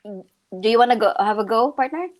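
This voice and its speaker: A Filipino woman with a fairly high voice co-hosts a casual online business chat on a live stream, speaking a little fast. She is chatty and upbeat, with frequent fillers and restarts.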